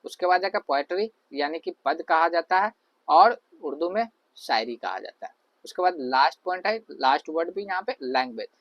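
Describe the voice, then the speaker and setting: A man's voice: on the high side, expressive, normal speed, a bit bright, no echo, lo-fi sound. A man teaching an online class. He explains patiently, repeats himself often and uses many fillers. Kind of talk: classroom lecture over slides.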